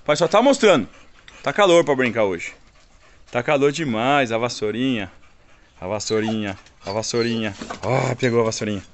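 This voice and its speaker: A man's voice: normal speed, slight background noise. A man with a Brazilian accent, filming his dogs outdoors on a phone and coaxing them playfully. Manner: playful, coaxing, calls the dogs in high bursts. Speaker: dog owner and breeder. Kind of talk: casual vlog talking to his dogs.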